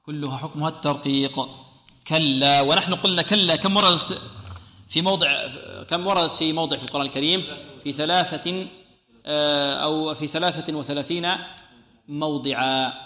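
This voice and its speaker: A man teaching Quran recitation rules on a radio lesson. He asks questions and answers them himself, and slowly stretches out syllables to show how they are pronounced. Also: on the high side, pushed and bright. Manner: slowly draws out syllables to demonstrate pronunciation. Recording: echoey room with long reverb.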